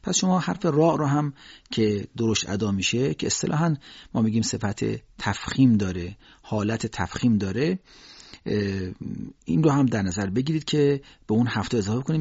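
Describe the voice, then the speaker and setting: A man teaching Quran recitation patiently explains letter sounds, hesitating often and giving slow recited examples. His mid-range voice has vocal fry and is a little mellow and husky. The lo-fi recording is dull and dry, with no room sound.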